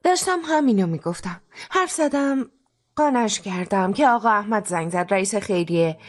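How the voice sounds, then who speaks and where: A woman's voice: medium pitch, animated, close to an everyday voice. A young woman dubbing a studious daughter in a TV drama, defensive and pleading with her mother. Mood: earnest. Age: young adult. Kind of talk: dubbed TV drama.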